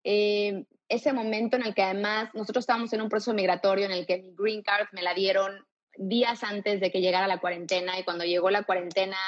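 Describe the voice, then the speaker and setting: Husky, lively Mexican woman coach. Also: medium pitch, highs cut off. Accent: Mexican Spanish. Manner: energetic, candid, swears freely. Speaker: fitness coach, guest. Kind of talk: casual interview talk.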